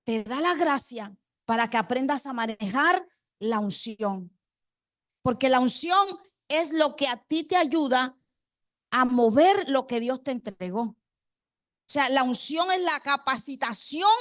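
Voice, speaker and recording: A woman's voice: high voice, lively intonation, measured pace, no echo, clean studio sound. A woman preacher delivering a congregational sermon. She quizzes the congregation with rhetorical questions and repeats key phrases for emphasis.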